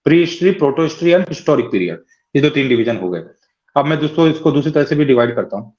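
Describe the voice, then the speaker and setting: Fast-talking man lecturing in a dull recording. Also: on the high side, animated, a little mellow. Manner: explains step by step, often checking with "है ना" and "ठीक है". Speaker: teacher. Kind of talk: classroom lecture.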